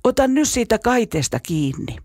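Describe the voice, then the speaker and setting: A storyteller voicing a bullying schoolboy who mocks, then shouts in panic. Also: mid-range voice, big pitch swings, no echo, clean studio sound, voice pushed up, natural voice. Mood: panicked. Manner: taunting, raised voice.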